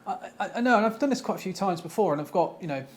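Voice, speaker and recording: Animated, fast-talking man. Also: high voice. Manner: animated, laughing storyteller. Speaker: cyber security director. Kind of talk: casual discussion.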